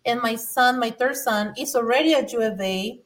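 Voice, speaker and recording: A woman from Mexico, a former adult learner, speaks as a guest sharing personal testimony in conversation. Her voice is slightly high and moderately paced, her manner earnest and emphatic with frequent restarts, and she sounds a bit distant.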